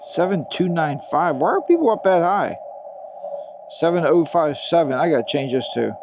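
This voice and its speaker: Guy doing a casual ham radio vlog, kinda high voice, really loud noise and static behind him. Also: sing-song, moderate pace. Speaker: amateur radio hobbyist vlogger. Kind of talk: casual vlog chat to viewers.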